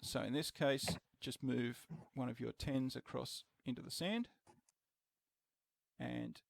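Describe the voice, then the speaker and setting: A man with a gravelly, dry-sounding voice running a tabletop game. He explains the rules slowly and patiently, with an easy laugh between turns. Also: medium pitch, wildly swooping pitch, dry recording. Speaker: game master.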